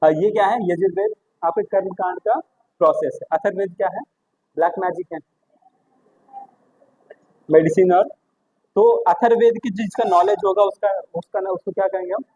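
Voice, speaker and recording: A man's voice: high-pitched, moderate pace, pauses often, a little mellow, lo-fi sound. A male teacher giving a classroom history lesson, chatty and joking as he quizzes students. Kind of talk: classroom lecture.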